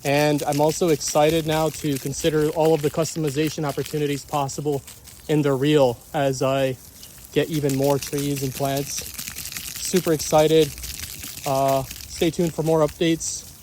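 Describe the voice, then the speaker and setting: Casual garden vlogger, male, mellow tone, excitable and gushing, outdoor phone audio. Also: fairly high pitch, measured pace, a little hiss or hum. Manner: enthusiastic, repeats praise words.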